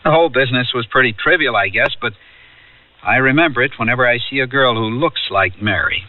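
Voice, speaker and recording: A muffled radio drama tape, music playing underneath, carries an actor's 1970s-style first-person narration of an ordinary man wistfully remembering a youthful summer holiday. Reflective and conversational, his natural mid-range voice moves fairly quickly, captured on a distant mic with no echo.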